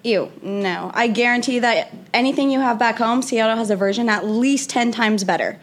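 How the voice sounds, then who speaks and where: A woman's voice: fairly high pitch, moderate pace, close to an everyday voice. A young woman playing a bold, teasing teenage city girl in a naturalistic drama. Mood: excited.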